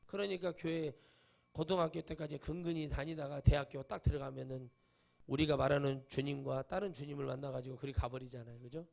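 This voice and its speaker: High, gravelly-voiced male pastor preaching. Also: fairly even intonation, brisk, a little mellow. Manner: emphatic and dramatic, acts out voices. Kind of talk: sermon.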